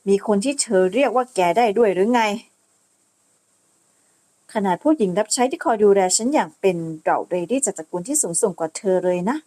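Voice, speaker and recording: A woman voicing a haughty young noblewoman who bullies others with sneering contempt, pitched lower than her own voice. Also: expressive, a little fast, warm tone, close to an everyday voice.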